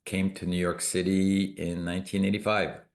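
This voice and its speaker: A middle-aged man with a very deep voice speaks as an interview guest. He tells his story in a reflective way and pauses to hesitate now and then. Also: little pitch movement, vocal fry. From born in Morocco, raised in Canada. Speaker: guest, business founder. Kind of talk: conversational interview.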